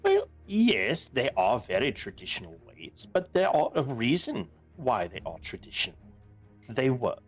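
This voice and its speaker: A man playing a formal, courteous male ally in a tabletop role-play, speaking in a measured, old-fashioned and polite way. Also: medium pitch, wildly swooping pitch, slightly rough, soft background music, exaggerated voice. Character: formal, courteous male ally who once fought giants.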